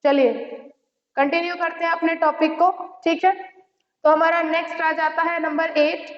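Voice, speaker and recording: A woman with a high voice teaches an online exam-prep class, mixing English phrases into her explanations and checking in with the students after nearly every point. The recording is dull and lo-fi, and her voice rings in an echoey room with a long tail of reverb. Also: little pitch movement, normal speed. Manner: mixes English phrases, repeats "theek hai" and "right?"; gives advice directly to students. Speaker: Hindi teacher.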